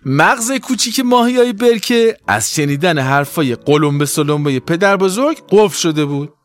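A man narrating a children's story with an expressive storytelling voice. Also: fairly high pitch.

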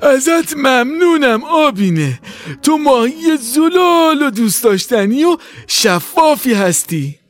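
A man voicing a wise old grandfather fish who likes to make grand, slow speeches in a storybook. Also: extremely high pitch, sing-song, voice pushed up. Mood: tearful. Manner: slow, pompous speechmaking with laughs. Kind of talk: storybook character voice.

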